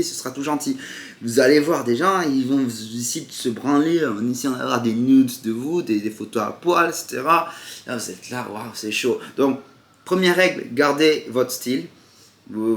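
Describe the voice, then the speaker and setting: A man's voice: medium pitch, a bit bright, echoey room. A man from the south of France with a southern French accent, rambling sarcastically in a casual monologue to camera. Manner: sarcastic, rambling, jumps into mock voices. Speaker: vlogger.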